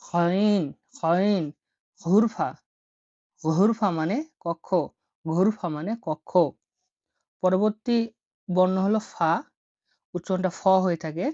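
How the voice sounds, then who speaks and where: A woman teaching vocabulary at a very slow, deliberate pace, saying each word and its meaning again and again. Her voice sits a little low, and the sound is dry and slightly dull, as if recorded close on a modest mic. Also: warm tone, dry recording. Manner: repeats each word and meaning several times. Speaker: Arabic language teacher. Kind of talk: slow repetitive vocabulary lesson.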